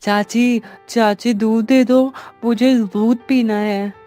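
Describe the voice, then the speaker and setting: A man voicing a little village boy who begs and whines in a pleading, drawn-out way. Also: extremely high pitch, fairly even intonation, warm tone, faint music behind, pitched above the performer's own voice.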